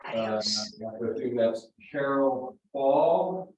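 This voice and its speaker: A man's voice: medium pitch, lively intonation, very slow, a little mellow. A man calling roll at a meeting who keeps hesitating with ums, his voice muffled and hollow as if he were speaking from the bottom of a well. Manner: hesitant, many ums and uhs. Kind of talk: hybrid meeting roll call. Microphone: remote call audio. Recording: echoey, distant, phone-like call line.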